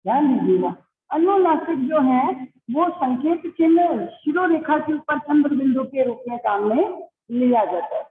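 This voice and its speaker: A woman's voice: high-pitched, expressive, unhurried, slight background noise. A woman teacher giving an online class, explaining patiently, asking her pupils questions and calling them "beta". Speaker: Hindi teacher. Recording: echoey, phone-like online class audio.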